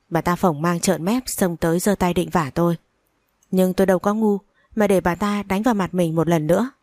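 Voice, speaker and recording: A woman narrating a first-person family drama story in a steady reading voice. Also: fairly low pitch, dry recording, clean studio sound.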